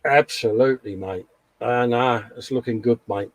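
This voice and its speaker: A man with a mid-range voice co-hosts a casual hobby live show, reading posts aloud in a chummy, colloquial style and often calling people "mate." He speaks at a moderate pace, with no room sound.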